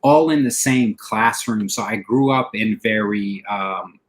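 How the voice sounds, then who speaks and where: A man's voice: on the low side, unhurried, low-quality recording. A man in his forties who grew up in the Middle East, a comedian chatting casually as a guest, rambling and repeating himself. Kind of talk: casual interview chat.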